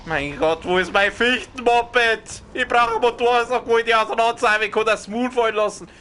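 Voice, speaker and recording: A man with a Bavarian accent doing excited, swearing let's play commentary on a horror game, often yelling and yelping. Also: very high voice, normal speed, slight background noise.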